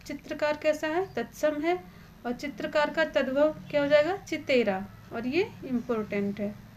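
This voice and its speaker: A woman's voice: high-pitched, lively intonation, measured pace, slight background noise. A woman teaching a grammar lesson for exam students. She asks a question and then answers it herself, and she points out which words matter for the exam. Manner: stresses the exam-important words.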